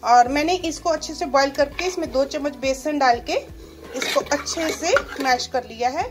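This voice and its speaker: A woman's voice: high voice, normal speed, noisy background. A woman chatting casually at home as she explains a cooking recipe step by step. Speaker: cooking vlogger. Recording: music playing behind.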